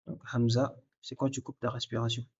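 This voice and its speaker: A man's voice: mid-range voice, flat delivery, a little fast, husky. A man teaching a recorded lesson, explaining step by step and addressing the listener directly, repeating sounds aloud to demonstrate them. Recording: dull lo-fi recording.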